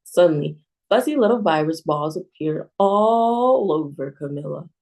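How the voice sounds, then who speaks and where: A librarian reads a children's picture book aloud in a low, soft, mellow voice with a gravelly edge. She is calm and expressive, keeping a measured pace.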